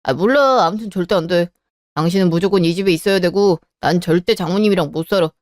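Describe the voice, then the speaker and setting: Radio drama: woman reading a blunt, uncaring husband, dark tone, dry close sound. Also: lowish voice, fast, no room sound, close to an everyday voice. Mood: cold, irritated. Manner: curt, harsh refusals. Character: cold, dismissive husband, man.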